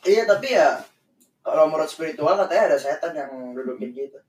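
Fast-talking young woman, roomy. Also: sits low, lively intonation, a little mellow, recorded from a distance. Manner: quick, chatty, laughing often. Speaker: vlogger. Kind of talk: casual chat. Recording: roomy, from off the mic.

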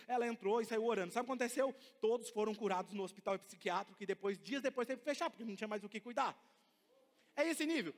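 A man's voice: high-pitched, fairly bright tone. A man preaching a sermon, telling a story and acting out the voices in it with animation. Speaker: pastor. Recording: long hall reverb.

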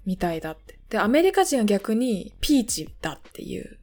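A woman's voice: mid-range voice, big pitch swings, brisk, darkish tone, faint music behind. A young woman in casual podcast chat, talking with many fillers and laughing now and then. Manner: chatty, many fillers, laughs while telling a story. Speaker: podcast co-host.

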